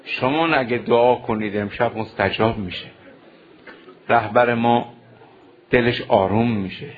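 A man leading a religious mourning sermon, speaking straight to the gathering and moving into slow chanted lament. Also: mid-range voice, dull audio. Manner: moves from spoken storytelling into slow chanted lament; addresses the gathering directly. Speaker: mourning preacher.

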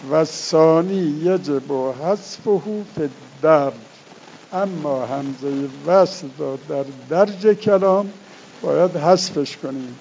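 A man teaching a seminary lesson, reading passages of text aloud and explaining each in plain words, slowing down on his examples. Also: a little high, vocal fry, mellow, slight background noise. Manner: slows down deliberately on examples. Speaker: religious studies teacher. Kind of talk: seminary lecture. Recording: dull lo-fi recording.

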